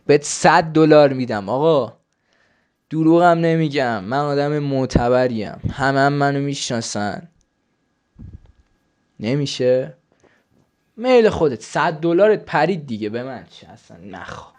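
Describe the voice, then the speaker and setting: This man's voice is medium in pitch and slightly mellow. He's a YouTuber talking to strangers online through a video-chat site, where he teases them crudely, swears a lot, and keeps slipping into the coaxing manner of an older brother.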